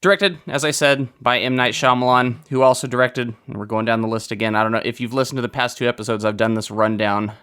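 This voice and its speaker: A man hosts a casual movie podcast in a relaxed, rambling way. His voice is smooth and resonant, at an ordinary pitch for a man. He chuckles often and drifts between asides. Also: quick pace, hardly any pauses. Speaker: podcast host.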